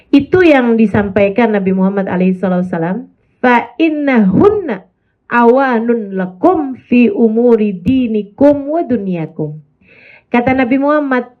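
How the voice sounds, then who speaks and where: Lively Indonesian woman preacher. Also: fairly high pitch, phone-quality sound. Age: 40s. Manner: animated storytelling, acting out quoted voices. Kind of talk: religious talk to women.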